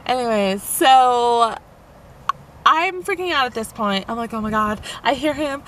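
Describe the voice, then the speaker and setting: Chatty young woman with a high voice. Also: slight background noise. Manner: animated, rambling, filler-heavy telling. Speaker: van life vlogger. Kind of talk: casual storytelling vlog. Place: inside a parked camper van.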